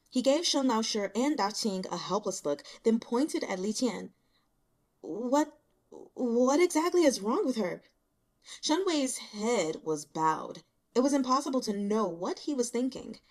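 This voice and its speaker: Reading a work of fiction aloud, this audiobook narrator uses an expressive storytelling style. She's a woman whose voice sits in the middle range.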